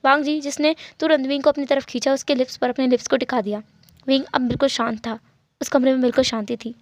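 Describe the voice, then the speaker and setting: A woman narrates fan fiction in an earnest reading voice that softens in tender passages. Her pitch is high for a woman. The recording is close and dry. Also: steady tone, fast talker, no echo.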